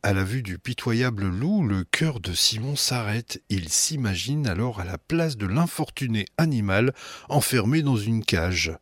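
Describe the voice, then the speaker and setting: A man reading a children's tale aloud, animated and playful. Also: lowish voice, a little slow, dry recording, studio quality. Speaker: storyteller. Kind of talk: expressive storybook reading.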